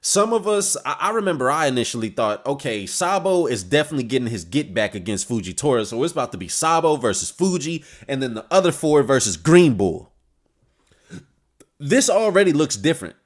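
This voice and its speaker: Excitable young man with a lively voice. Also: fairly high pitch. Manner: excitable, slangy, jumps between reading and ranting. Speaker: manga discussion host. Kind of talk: live reaction and commentary.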